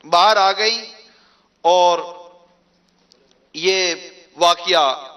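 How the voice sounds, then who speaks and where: A man's voice: high-pitched, pushed and bright. A man with a Pakistani Urdu accent giving a sermon, retelling a story and acting out its dialogue with rising emphasis. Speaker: preacher.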